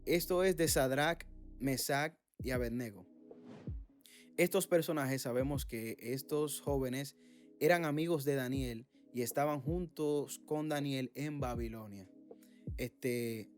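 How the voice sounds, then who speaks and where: A man leading an informal Bible study, reading passages aloud and explaining them with frequent fillers and pauses. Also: mid-range voice, faint music behind. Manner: reads scripture aloud, then explains it with many fillers.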